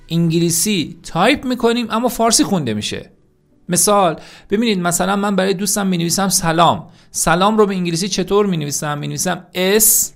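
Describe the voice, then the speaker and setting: A man with a slightly high, gravelly voice teaches an online language lesson, upbeat and encouraging. He speaks straight to his students and stresses key points by saying them again and again. Faint music plays underneath. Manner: energetic, addresses students as "kids", repeats words for emphasis.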